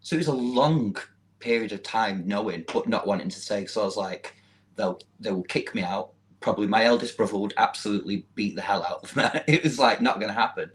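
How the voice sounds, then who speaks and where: A young man with a Mancunian accent chats easily as a podcast guest. His voice sits on the low side, and he laughs often and pokes fun at himself. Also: fairly quick, poor audio. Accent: Mancunian English. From Manchester, England. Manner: chatty, laughs often, self-deprecating. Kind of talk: casual chat.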